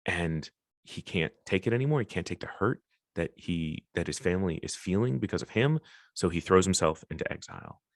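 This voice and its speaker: A man with a low, deep voice gives a reflective solo podcast monologue. His delivery swings widely in pitch as he talks earnestly and encouragingly, with casual swearing along the way. The sound is close and dry, with no room echo. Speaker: podcast host.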